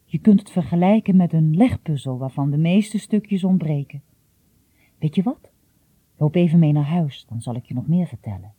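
A shrewd, secretive old male gardener, read by the audiobook narrator speaks in a confiding, gently teasing manner. The tone is very dark and husky. It sounds close and dry, with no room around it. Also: medium pitch, lively intonation, normal speed, dry recording. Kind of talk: audiobook reading.

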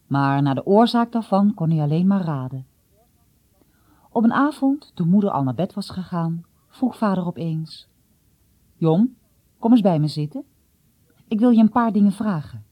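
A woman reading a story aloud in a hushed, often half-whispered, suspenseful way. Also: lowish voice, husky, no echo. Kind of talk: dramatic read-aloud storytelling.

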